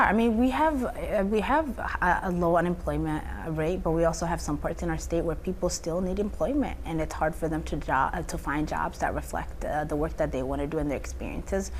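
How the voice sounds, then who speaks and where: A woman's voice: low voice, a little hiss or hum. A young woman from Somalia, a state senator, answering interview questions earnestly and building her points in lists.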